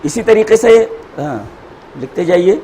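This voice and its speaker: A man teaching a grammar class, repeating each word slowly and spelling out letters and vowel marks for his students. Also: high-pitched, sing-song, dark tone, a little hiss or hum, poor audio.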